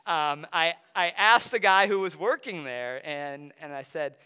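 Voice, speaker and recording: Bright, clear man preaching in a hall. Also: a little high. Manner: conversational, slowing down to stress key phrases. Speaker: pastor. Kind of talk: sermon with Bible reading and personal story. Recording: long reverb of a large hall.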